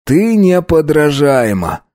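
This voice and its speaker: A man's voice: fairly high pitch, big pitch swings, slow pace, darkish tone, dry recording, clean studio sound, pitched above the performer's own voice. A man playing a wry, tired young male cadet who teases his friend. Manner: wry, teasing.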